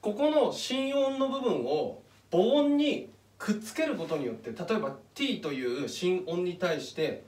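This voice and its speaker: A man's voice: high voice, very animated, measured pace, darkish tone. A man giving a casual, step-by-step explanatory talk as channel host, pointing things out on a chart as he goes. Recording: echoey room, mic at a distance.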